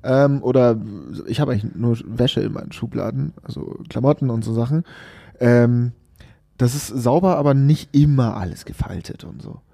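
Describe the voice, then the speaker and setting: A male podcast host chats informally with a relaxed, dark-toned voice at an average pitch. The sound is very dry and close. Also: normal speed, creaky, no echo. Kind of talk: casual podcast chat.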